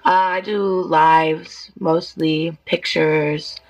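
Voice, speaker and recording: A woman's voice: deep voice, flat delivery, drawn-out words, lo-fi sound. Young Oklahoman woman on a video call. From Oklahoma, USA. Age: 20s. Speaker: content creator chatting on a video call. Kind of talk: casual chat.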